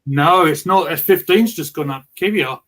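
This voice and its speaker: A man's voice: on the high side, normal speed, fairly bright tone. A man co-hosting a live football watchalong, chatting through the match and often repeating words as he reacts. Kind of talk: live match commentary chat.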